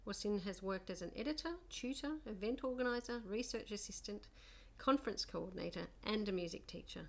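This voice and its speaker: A woman's voice: medium pitch, brisk, creaky. A woman hosting a podcast interview, introducing her guest and asking encouraging questions. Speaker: podcast host.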